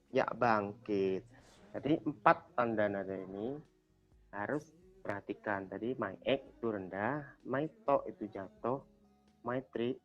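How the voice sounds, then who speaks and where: A man teaches an online language lesson over a video call, quizzing students and patiently repeating their answers. His voice is lowish, and the audio has the highs cut off.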